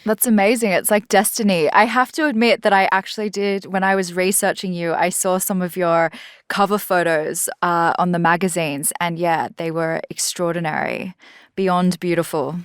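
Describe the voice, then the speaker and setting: A woman's voice: lowish voice, steady tone, moderate pace, smooth, no echo, studio quality. A woman hosting a podcast, introducing her guest and asking questions with polished enthusiasm. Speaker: podcast host. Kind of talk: scripted intro and interview questions. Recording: music bed under the voice.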